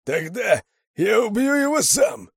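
Мужчина изображает пьяного седого Крюгера. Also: male voice, a little high, very animated, slow pace, slightly rough, no room sound, clean studio sound, voice pushed up, full character voice. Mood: drunken vengeful. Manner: drunken, tearful bellowing. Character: drunk grey-haired man with iron arm, weepy and wild.

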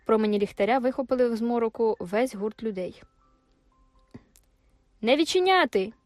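A woman narrating an audiobook in a measured storytelling manner. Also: on the high side, fairly even intonation, mellow, dry recording, faint music behind. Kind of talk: scripted narration.

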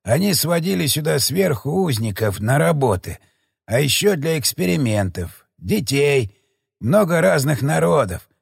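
A man voicing a frightened, very old male elder who talks in hushed, halting phrases in an audiobook. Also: a little high, big pitch swings, vocal fry, slightly rough, no room sound, studio quality, full character voice. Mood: somber recounting. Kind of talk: audiobook character voice.

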